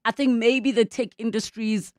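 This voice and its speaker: A woman's voice: on the high side, fairly even intonation, moderate pace, dry recording, studio quality. A woman with a South African accent talking casually to listeners as a radio talk show host.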